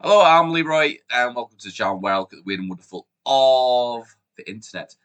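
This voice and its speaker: Over loud music, a man in his forties with a Yorkshire accent talks a little fast while hosting a casual YouTube countdown vlog. He's chatty and upbeat, with lively swings in pitch and volume, though chesty from a cold. Shelves line the home room behind the camera.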